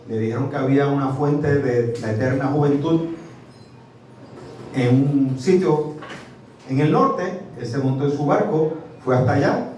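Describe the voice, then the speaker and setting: A Puerto Rican man giving a lively public talk as a professor, quizzing his audience as he goes. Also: fairly high pitch, a little hiss or hum. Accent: Puerto Rican Spanish. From Puerto Rico. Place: restaurant event space. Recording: echoey venue, mic from a distance.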